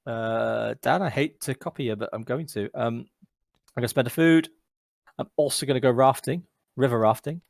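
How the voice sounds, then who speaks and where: A man talking friends through a board game's rules with a teasing, sweary humour. His voice sits at an ordinary middle pitch. The sound is dry and close, with no room around it. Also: normal speed, gravelly, no room sound. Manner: joking, sweary, guiding others through the rules. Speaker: rules explainer in a board game session. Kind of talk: casual gaming chat over voice call.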